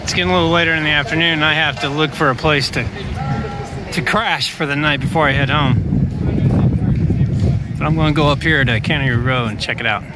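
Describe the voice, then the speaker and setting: A man's voice: on the high side, fairly quick, pauses often, over loud music, rough recording. A middle-aged man chatting casually on a travel vlog, filmed on a phone at arm's length outdoors, grumbling and joking in an offhand way. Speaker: vlogger. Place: outdoors on a windy coast. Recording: loud wind and outdoor noise. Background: wind, traffic and outdoor noise.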